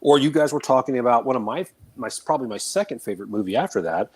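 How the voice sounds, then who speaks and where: A man's voice: mid-range voice, expressive, fast talker, breathy edge. A man calling in on his cell phone for a casual chat, his voice carrying a slight echo. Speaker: call-in guest.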